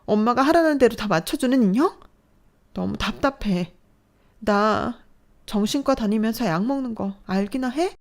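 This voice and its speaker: A woman's voice: a little high, animated, moderate pace, pitched above the performer's own voice. A woman voicing a distressed young adult daughter who pleads and lashes out at her mother in a dramatized story. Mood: distraught. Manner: pleading, tearful outbursts.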